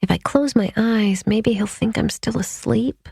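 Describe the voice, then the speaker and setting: A woman's voice: a little high, measured pace, creaky, a little mellow, husky, no echo, studio quality, pitched above the performer's own voice, full character voice. A woman voicing a drowsy, reluctant woman detective. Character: tired woman detective half-asleep.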